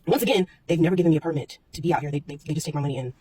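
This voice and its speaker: A woman's voice: sits low, very fast, mellow. A woman who talks at a breakneck clip, piling up fillers and restarts as she rambles through a storytime vlog. She sounds exasperated and still shaken, and a faint hiss of noise sits under her voice. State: shaken, upset. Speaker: market vendor telling a personal story. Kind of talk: storytime vlog, unscripted retelling.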